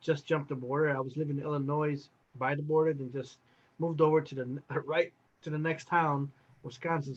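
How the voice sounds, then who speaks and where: A man near forty chats over a video call, rambling through eager stories about arcade machines. His voice sits a little high and the audio comes through dull and lo-fi. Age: 30s. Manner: rambling, excited storytelling. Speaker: podcast co-host. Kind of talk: casual chat. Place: home, Wisconsin.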